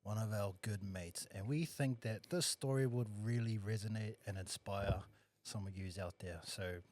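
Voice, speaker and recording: Man, podcast co-host, lowish voice, laid-back casual talk. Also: normal speed, a little mellow. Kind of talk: casual chat.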